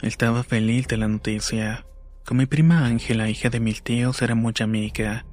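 A man giving a slow, measured scripted narration of a horror story. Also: lowish voice.

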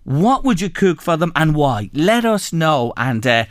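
A man's voice: fairly high pitch, sing-song, measured pace, no echo, studio quality. An Irish man presenting a live radio show and plugging competitions in a chatty, emphatic way, often repeating his phrases.

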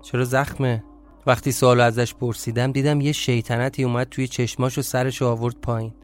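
A man's voice: medium pitch, level tone, soft background music. A man reading a first-person audio drama story in a confiding way, his speech breaking into flustered outbursts at tense moments. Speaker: narrator and reader.

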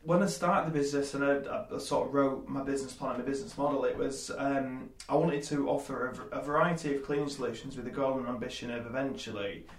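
A man in his twenties from Leeds, England, with a Yorkshire accent, is a small business owner appearing as a guest in a casual interview. He rambles with lots of fillers and restarts, talking quickly in a mid-range voice with hardly any pauses, and the recording is reverberant.

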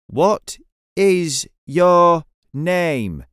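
A man's voice: medium pitch, big pitch swings, brisk, no echo, clean studio sound, close to an everyday voice. A man voicing an earnest, curious adult space captain who talks in a raised, eager voice. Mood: questioning.

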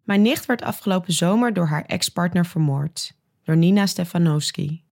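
Female narrator, gravelly tone, reads a first-person story in a sober, measured way. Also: fairly low pitch, a little mellow. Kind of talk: scripted narration.

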